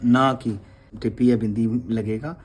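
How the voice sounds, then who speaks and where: A man gives a gentle, unhurried script lesson. He takes his time, repeating and drawing out the sounds of the letters. He addresses his listeners respectfully throughout. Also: medium pitch, fairly even intonation. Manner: slow, patient, drawn-out letter sounds, calls listeners sangat ji. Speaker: Gurmukhi teacher. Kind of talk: slow classroom explanation with prayer.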